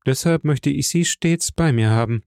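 A man voicing a calm, powerful count who speaks softly and measuredly. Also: mid-range voice, creaky, no echo, studio quality, natural voice. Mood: gentle. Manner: soft, measured, gently smiling. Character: calm, powerful middle-aged count, gentle and mysterious.

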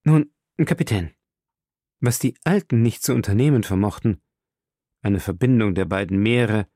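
A man's voice: on the low side, normal speed, warm tone, dry recording, studio quality. A man reading the part of an astonished, curious male professor in an audiobook, asking many questions with a wondering tone.

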